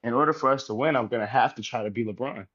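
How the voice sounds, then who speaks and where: An easygoing American man, a professional basketball player appearing as a guest, talks at a racing clip in a medium pitch. His casual interview chat is relaxed and rambling, packed with fillers like "you know." The audio is dull and lo-fi.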